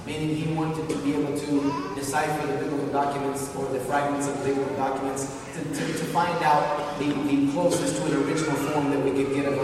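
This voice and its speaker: A middle-aged man with a Southern American accent, telling his story as a religious lecture, emphatically repeating phrases for stress. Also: mid-range voice. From southern United States. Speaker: religious speaker. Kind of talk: autobiographical public lecture. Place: large reverberant hall before an audience. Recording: echoey hall, distant mic, background noise.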